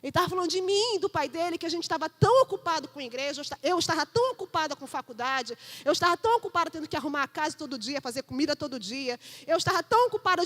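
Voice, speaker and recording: A woman pastor preaching fervently in church, moving between loud emphatic preaching and soft storytelling. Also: very high-pitched. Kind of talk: sermon.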